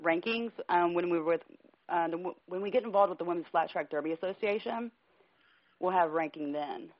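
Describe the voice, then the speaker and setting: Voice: mid-range voice, a little fast, no room sound. Hesitant guest on dry, dull audio. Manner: brief, hesitant answers. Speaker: roller derby player guest. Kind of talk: casual radio chat.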